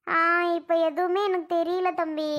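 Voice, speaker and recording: A woman's voice: very high voice, little pitch movement, normal speed, muffled recording. A woman voicing a confused young woman with lost memory in a cartoon, plaintive and bewildered. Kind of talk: cartoon voice acting.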